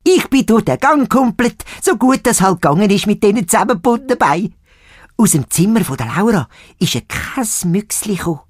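Globi, an excitable high-pitched Swiss parrot. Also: male voice, fairly quick, no echo, studio quality. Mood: eager storytelling. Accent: Swiss German. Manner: playful, exclamatory, theatrical. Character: cheerful, excitable male cartoon parrot hero Globi. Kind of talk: children's audio drama with storytelling.

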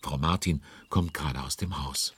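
An actor playing a genial storyteller narrating a children's audio drama, conversational and wondering aloud in a husky voice. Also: male voice, normal speed, a bit bright, no echo, heavily acted. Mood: storytelling. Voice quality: deep, husky. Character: genial male storyteller commenting on events.

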